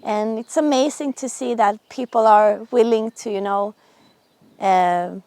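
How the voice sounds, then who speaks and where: A woman's voice: on the high side, steady tone, unhurried, darkish tone, dry recording. A woman hosting a vlog, talking casually and directly to her viewers. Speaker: sailing and boat-building vlogger, host.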